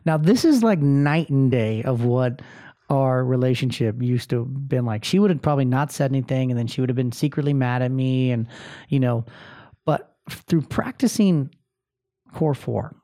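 A man's voice: mid-range voice, moderate pace, warm tone, no echo, studio quality. A man hosting a podcast, telling personal stories in a candid, self-deprecating way and swearing freely. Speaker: podcast host. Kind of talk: casual personal monologue.

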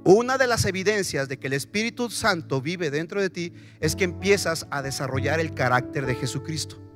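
Bright, high-voiced animated male pastor. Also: a little fast, faint music behind. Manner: animated, asks the congregation questions. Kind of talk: sermon. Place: church.

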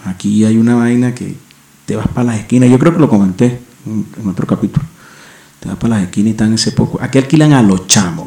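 A man's voice: fairly low pitch, vocal fry, mellow, roomy sound. A man from Venezuela with a Venezuelan accent, rambling slangily with profanity and restarts in a casual monologue as a podcast host on a home microphone. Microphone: home microphone setup.

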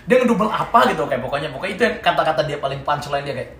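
A young man telling a story as a podcast co-host, casual and slangy, acting out quotes with sudden loud bursts. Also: fairly high pitch, expressive, rapid-fire. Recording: echoey room, faint noise.

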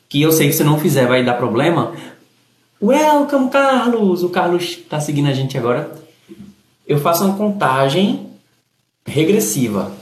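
A man with a Recife Brazilian accent who says s as a slushy sh, giving a casual motivational livestream talk, explaining and thanking viewers. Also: fairly high pitch. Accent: Recife Brazilian Portuguese. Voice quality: slushy sh sound for s. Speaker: livestream host. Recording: echoey, roomy sound.

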